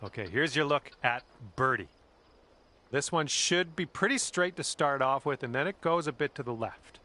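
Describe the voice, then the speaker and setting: A man's voice: medium pitch, animated, moderate pace, sharp tone. A man playing an encouraging TV golf commentator, giving casual play-by-play as in a golf video game. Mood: calm, informative.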